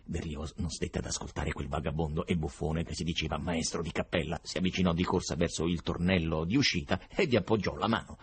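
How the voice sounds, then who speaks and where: A man reading a novel aloud as an expressive audiobook narrator. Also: very deep voice, brisk, hardly any pauses, slight background noise. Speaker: reader.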